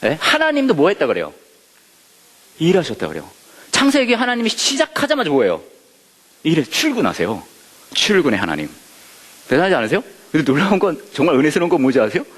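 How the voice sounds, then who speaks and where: A man's voice: fairly high pitch, fast talker, big-room sound. A male pastor teaching a Bible study, who keeps asking the audience questions and joking. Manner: lively, asks the audience questions and jokes.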